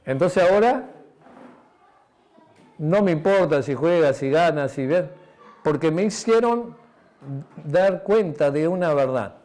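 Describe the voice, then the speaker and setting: A man's voice: fairly high pitch, animated, takes it slowly, long pauses. A man preaching a sermon as pastor, with a Uruguayan Spanish accent, telling a personal story with acted-out dialogue and frequent tag questions. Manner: drops to a quiet, intimate tone near the end.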